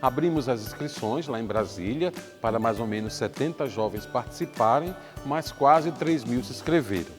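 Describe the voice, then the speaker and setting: Middle-aged priest over clear music. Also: male voice, mid-range voice, animated, normal speed, hardly any pauses. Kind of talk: narrated storytelling.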